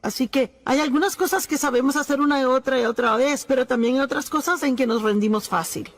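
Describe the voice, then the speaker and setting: A woman voicing a preacher in a dubbed sermon, earnest and emphatic, with pauses and repeated phrases. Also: high-pitched. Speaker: Spanish voice-over of a preacher.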